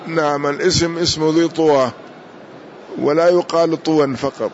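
A man's voice: fairly high pitch, fairly even intonation, moderate pace, a little hiss or hum. A man teaching a lesson, explaining a classical text and repeating key words to drill their pronunciation, in a muffled lo-fi recording.

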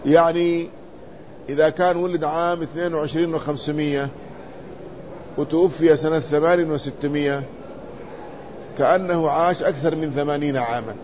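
Guy teaching a lesson, reads old text out loud then explains, asks the class stuff, kinda high voice, muffled lo-fi recording. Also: steady tone, fairly quick, pauses often. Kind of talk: traditional lesson, reading a text aloud with commentary. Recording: dull lo-fi recording with faint noise.

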